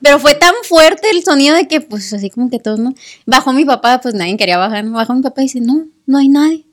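A woman with a high voice tells a story in easy podcast conversation. She is animated, slips into the voices of her family and laughs often. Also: fast. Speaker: podcast co-host telling a story. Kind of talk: casual storytelling.

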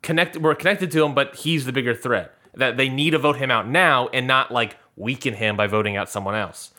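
A man's voice: medium pitch, brisk, bright, forceful tone. A man co-hosting a casual podcast chat who talks in a playful, teasing way. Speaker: podcast co-host.

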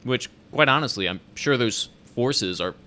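A man's voice: medium pitch, expressive, normal speed, pushed and bright. A man co-hosting a casual chat, reading news headlines aloud and adding wry joking asides.

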